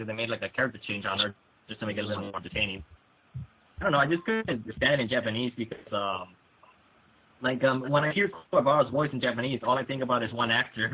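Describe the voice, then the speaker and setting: A man's voice: medium pitch, quick pace, slightly rough, narrow, tinny audio. A man chatting casually, rambling along with fillers and restarts. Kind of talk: casual chat about anime dubs.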